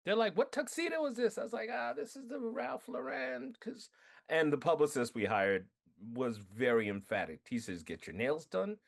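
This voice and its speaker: A man being interviewed about his film, telling animated stories, acting out quotes and laughing often. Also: on the high side, normal speed, gravelly. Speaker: filmmaker guest. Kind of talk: casual interview storytelling.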